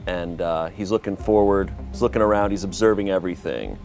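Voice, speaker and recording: A man with a deep voice describes his character as a player in a tabletop game. The narration is improvised, with faint music underneath. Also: steady tone, brisk, darkish tone.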